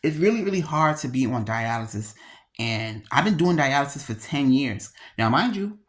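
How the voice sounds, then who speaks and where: A speaker in their thirties talks straight to viewers in a casual, confessional vlog style. The medium-pitched voice carries a slight lisp from missing front teeth. The delivery is candid, slangy and emphatic, with words repeated to drive points home. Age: 30s. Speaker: video creator.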